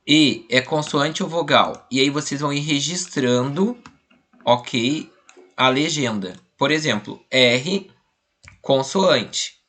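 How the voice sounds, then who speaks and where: A man's voice: mid-range voice, slow pace, fairly bright tone. A young man with a Brazilian Portuguese accent, a primary school teacher walking pupils through a worksheet in an online class, patiently spelling out letters and syllables.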